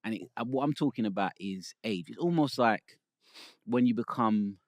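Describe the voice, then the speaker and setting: A man, hosting a relaxed, bantering podcast chat. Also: on the low side, moderate pace, dry recording, clean studio sound. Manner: relaxed, laid-back banter with laughs. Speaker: podcast host. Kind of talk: casual chat.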